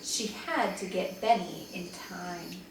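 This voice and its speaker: A woman with a lowish voice reads a children's story aloud at an unhurried pace, like a teacher with young pupils. She is animated and acts out the dialogue expressively for her small listeners. The room is very echoey, the mic sits at a distance, and there is faint noise.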